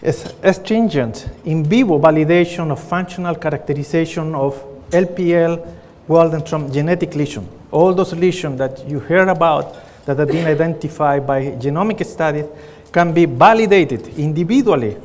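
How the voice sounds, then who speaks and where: A middle-aged man with a Chilean Spanish accent presents his research at a conference, speaking earnestly and often pausing on fillers. His voice sits a little high for a man. A long reverb trails his words around the conference hall. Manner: earnest, with frequent fillers and restarts.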